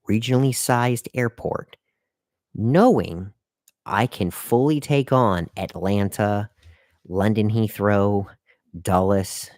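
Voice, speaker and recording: A man with a low, slightly mellow voice hosts a live stream, handing out casual career advice in a rambling, repetitive way and often addressing the chat directly. He hiccups and burps now and then. The recording is dry, with clean studio sound.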